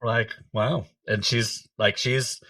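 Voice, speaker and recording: Casting: middle-aged male podcast host, lowish voice, easygoing, laughs a lot, heard a little off-mic in a dry space. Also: normal speed, no echo, far from the mic. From United States. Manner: relaxed, laughs often, loose trailing sentences. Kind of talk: casual conversation.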